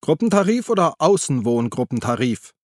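Guy doing a loud cheeky passenger, raised pitch, snappy and defiant, dry sound. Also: very animated, normal speed, no room sound, close to an everyday voice. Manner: snappy, provocative.

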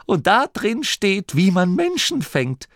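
A keen little gnome boy chirps out his ideas in a high, bouncing voice, as a male storyteller puts him on. It rises and falls a lot and sits dry in a close studio sound. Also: takes it slowly, no echo, full character voice. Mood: eager. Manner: high, excited, pleading.

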